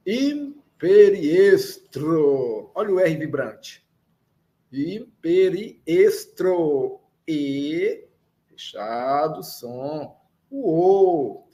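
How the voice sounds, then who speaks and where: A man with a Brazilian Portuguese accent teaching a language lesson, explaining slowly and repeating words and spelled-out letters for learners. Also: a little high, a little mellow. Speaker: Esperanto teacher. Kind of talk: slow, deliberate classroom explanation.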